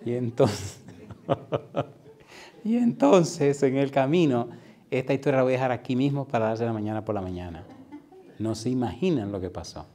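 Man, pastor, sermon in a church, animated storytelling, pleading altar call. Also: mid-range voice, normal speed, pauses often. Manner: dramatic storyteller, acts out voices and swings from loud to hushed.

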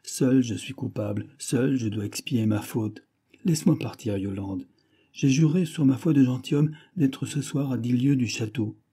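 A man voicing a guilt-ridden young knight, speaking low and grave with a husky voice. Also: moderate pace, mellow, close to an everyday voice. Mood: sorrowful. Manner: low, grave, sorrowful delivery.

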